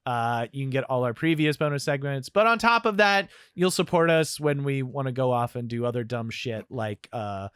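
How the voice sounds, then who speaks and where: A man's voice: medium pitch, expressive, moderate pace, hardly any pauses, fairly bright tone, clear, resonant tone, no echo, studio quality. A young man co-hosting a podcast in casual chat, rambling loosely with lots of "like" fillers. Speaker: podcast co-host.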